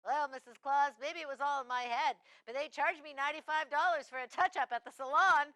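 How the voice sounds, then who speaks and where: A woman's voice: high voice, brisk, background noise, natural voice. A woman voicing a cheerful talking fir tree who tells corny jokes on a children's puppet show. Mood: eager. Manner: eager, giggly, corny jokester.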